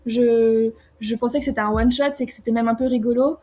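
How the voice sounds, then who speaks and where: A young woman from France answering interview questions casually, often pausing with fillers and restarting her sentences. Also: on the high side, steady tone, warm tone. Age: young adult. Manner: hesitant, many fillers and restarts. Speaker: singer-songwriter guest.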